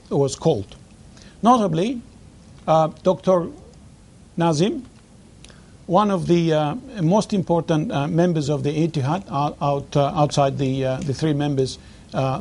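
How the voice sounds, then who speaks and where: A man giving a historical lecture at a conference, earnest and halting, with many fillers and restarts, stressing key words. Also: sits high, a little mellow. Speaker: conference speaker.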